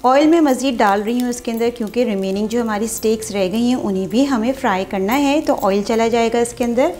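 A woman's voice: a little high, a little hiss or hum. A woman walks viewers through a recipe step by step in her home kitchen while cooking. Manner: step-by-step explaining while cooking, frequent "dekhein" asides. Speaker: cooking channel host. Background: soft background music and frying sizzle.

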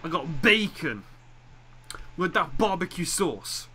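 A man's voice: a little high, very animated, slow, crowd noise. A young man hosting a podcast, brash and teasing, swearing freely in casual chat. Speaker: podcast host.

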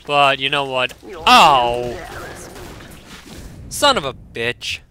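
A young man talks through a shooter match, animated and excitable, his voice bright and up-front, with an unhurried pace between bursts of yelps and swearing. A faint hiss sits under his home mic. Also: mid-range voice. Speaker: gameplay commentator. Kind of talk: casual gameplay commentary.

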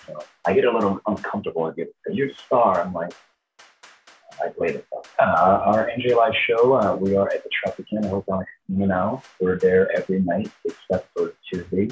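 In a poor-quality recording, a tribute show performer in his thirties answers interview questions in a casual way. He's a Brazilian man, a native Portuguese speaker with a Brazilian accent, and his low-pitched voice moves briskly.

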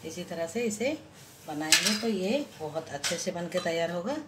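A woman vlogger in her home kitchen giving a slow, patient step-by-step cooking explanation, pausing often as she works. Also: on the low side. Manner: slow, patient explaining with many pauses and restarts. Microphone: camera above the hands, speaker off-screen. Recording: home kitchen with audible stove noise. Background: sizzling and frying sounds.

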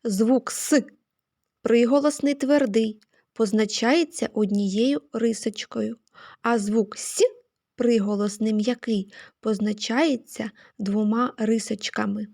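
Slow, careful woman teaching letter sounds. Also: on the high side, fairly even intonation, gravelly, warm tone. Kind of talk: phonics lesson for young children.

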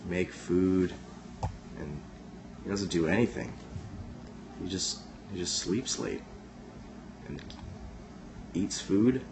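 Deep slow rambling man. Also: background noise. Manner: rambling, halting, with restarts. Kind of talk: casual chat to camera.

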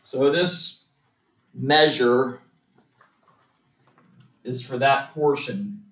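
Man, church cantor, slow patient explainer, mid-pitched, echoey church sound. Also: fairly bright tone. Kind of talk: explaining to a congregation. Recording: roomy echo.

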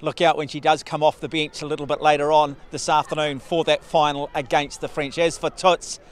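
Upbeat middle-aged male presenter, slightly high voice, outdoors. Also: little pitch movement, brisk. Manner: upbeat, punchy. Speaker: sports presenter. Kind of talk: broadcast presenting and interviewing. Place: outdoors on a rugby field. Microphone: handheld reporter mic.

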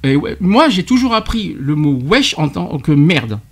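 Un animateur de radio qui interroge son invité en expliquant de l'argot, avec entrain et des rires. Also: male voice, a little high, sing-song, unhurried. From France. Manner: quizzing, explaining slang terms with laughs. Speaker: radio show host. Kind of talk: radio debate segment.

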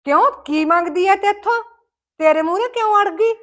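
A woman's voice: extremely high pitch, moderate pace, fairly bright tone. A woman with a Malwai Punjabi accent playing a grumbling, scolding village mother-in-law in a comic skit. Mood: gossipy complaining. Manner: scolding, rustic and emphatic.

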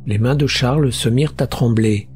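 A man narrating a horror short story in a steady, measured reading with tense build-ups. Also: medium pitch. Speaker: audiobook narrator. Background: faint music.

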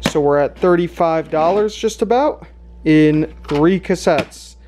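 Here a man who runs a thrifting channel talks through his reselling in relaxed vlog style, working out figures out loud as he goes. He speaks at a measured pace, his voice on the high side with a darkish tone. Clicks come through over an otherwise clean background.

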